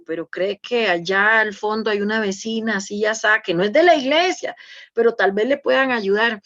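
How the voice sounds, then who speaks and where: A woman's voice: mid-range voice, muffled recording. Earnest Costa Rican woman telling a testimony. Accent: Costa Rican Spanish. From Costa Rica. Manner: earnest storytelling with many fillers and restarts. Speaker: church speaker. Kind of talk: conference testimony.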